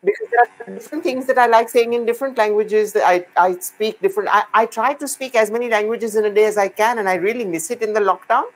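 A middle-aged woman with an Indian accent, a guest dancer on a video call panel, speaks confidently and emphatically from an indoor room. Her mid-range voice moves fast with hardly any pauses, and the laptop webcam recording is rough.

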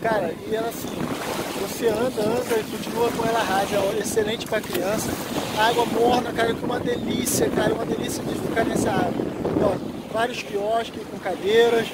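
A man's voice: high-pitched, steady tone, a little fast. A man, chatting casually as a travel vlogger and pointing things out as he walks along a beach, filmed on a phone held at arm's length. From Brazil. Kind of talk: casual walking-tour vlog. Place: windy beach outdoors. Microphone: phone camera held at arm's length. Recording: loud wind noise on a phone mic. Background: loud wind and surf.

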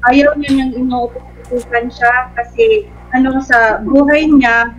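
A woman's voice: high-pitched, steady tone, slow pace, lo-fi sound. A woman with a Filipino accent, a complainant telling her side on a call.

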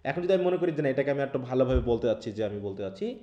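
Talking very fast and animatedly at a medium pitch with a dark tone, a Bangladeshi Bengali-accented man runs an online English class. The audio is muffled and echoey, and he explains step by step, constantly checking in with students through questions.

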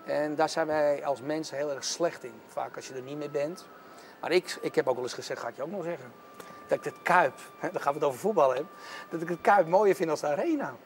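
Brief: enthusiastic male interviewee, middle-aged, slightly high voice, faint background hiss. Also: quick pace. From Amsterdam. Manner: candid, enthusiastic, restarts often. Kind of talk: casual interview answers. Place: theatre stage.

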